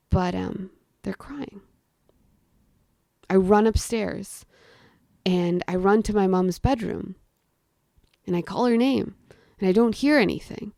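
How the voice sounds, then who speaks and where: Young woman storytelling, kinda gravelly voice, chatty, dry close sound. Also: mid-range voice, dark tone, no echo. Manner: conversational, with frequent "I mean" and "like". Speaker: guest storyteller. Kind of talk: personal storytelling in present tense.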